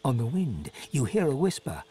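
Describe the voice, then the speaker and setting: A man narrating a game story in an expressive, dramatic scripted style. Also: mid-range voice, normal speed, slight background noise. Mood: calm. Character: male storybook narrator, vivid.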